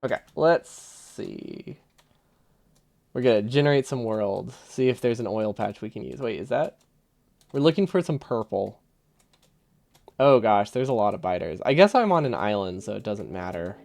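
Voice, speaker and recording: A man's voice: fairly low pitch, expressive, normal speed, gravelly, a little mellow. A man streaming a video game live, thinking aloud, chuckling often and answering his chat in a casual, easily amused way.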